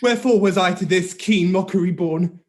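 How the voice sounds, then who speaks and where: A woman's voice: on the low side, moderate pace, darkish tone, natural voice. A woman reading as lovesick pleading Helena. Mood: hurt. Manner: pleading verse recitation. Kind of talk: amateur Shakespeare reading.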